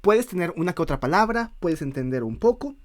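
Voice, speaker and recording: A man from northern Mexico with a Mexican accent co-hosts a casual podcast chat, his voice high-pitched, sing-song, and a little fast. He often restarts his sentences as he thinks out loud.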